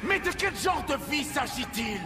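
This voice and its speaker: A man voicing a fiery male street preacher who rants against androids in declamatory, shouting video game dialogue. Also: very high voice, lively intonation, normal speed, distant mic. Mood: preaching. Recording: game audio with music behind.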